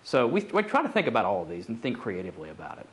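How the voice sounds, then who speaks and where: A middle-aged American man explaining as a historian in an office interview, measured and thoughtful. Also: on the low side, wildly swooping pitch, poor audio. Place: indoor office.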